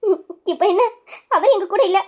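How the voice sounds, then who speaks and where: High young voice doing a soothing widowed sister-in-law. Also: animated, moderate pace, darkish tone. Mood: consoling. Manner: soothing, motherly. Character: widowed older sister-in-law, gentle and consoling.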